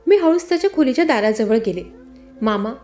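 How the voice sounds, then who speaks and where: A woman's voice: fairly high pitch, lively intonation, moderate pace, mellow, soft background music. A woman telling a dramatic story in the first person, with emotional scripted narration and a Marathi accent.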